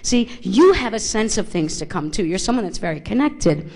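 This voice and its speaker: A woman doing psychic readings for a live audience in a small theater, holding a handheld mic. She talks in a halting, searching way, stopping and restarting as she works through what she senses. Her voice sits at a middling pitch for a woman. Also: big pitch swings, darkish tone. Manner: halting, thinking aloud with many restarts. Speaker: psychic medium. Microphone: handheld microphone.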